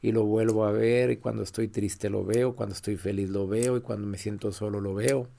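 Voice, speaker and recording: A man's voice: lowish voice, steady tone, moderate pace, creaky, warm tone. A middle-aged man, a father talking tenderly on a podcast and acting out phone calls. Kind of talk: emotional podcast chat.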